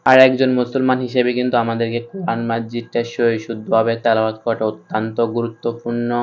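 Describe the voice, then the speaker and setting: A man teaching Quran reading, spelling the text out letter by letter in a slow, methodical way. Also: mid-range voice, lo-fi sound. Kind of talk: spelling-out Quran recitation lesson.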